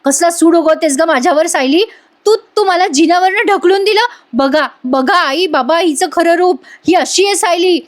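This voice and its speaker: Woman voicing a scheming young wife, pleading and stammering, high. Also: moderate pace, natural voice. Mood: accusing.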